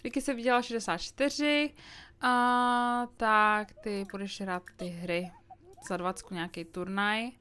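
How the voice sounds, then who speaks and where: A woman with a Czech accent giving casual let's play commentary, chatting to her game characters with sudden loud outbursts. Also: mid-range voice, steady tone, clear, resonant tone. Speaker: gaming streamer.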